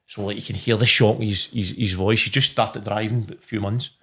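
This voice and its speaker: A middle-aged man with a Glasgow accent telling casual anecdotes in an animated, sweary way, acting out conversations. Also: on the low side, a little fast.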